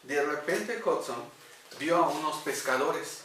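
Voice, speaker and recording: Guy telling a bible-style missions story, bright voice, lots of room echo, mic kinda far. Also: fairly high pitch, lively intonation, takes it slowly, a little hiss or hum. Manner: earnest, with hesitant fillers. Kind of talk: devotional storytelling. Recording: echoey room, distant mic.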